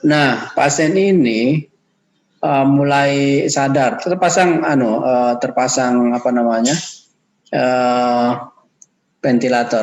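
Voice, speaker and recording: A man's voice: mid-range voice, low-quality recording. Man giving an unscripted lecture. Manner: unscripted, addresses students politely as ladies and gentlemen. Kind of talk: online lecture.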